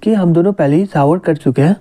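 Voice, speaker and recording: A man's voice: fairly high pitch, a little fast, warm tone, natural voice. A man reading a teasing, possessive young woman. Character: clingy, jealous young woman sister figure.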